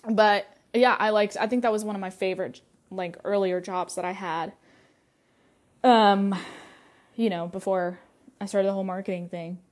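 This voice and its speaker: With a steady mid-range voice at a moderate pace and long pauses, an American podcast host in young adulthood chats casually about her life. Her monologue is full of fillers, especially "like" and "um".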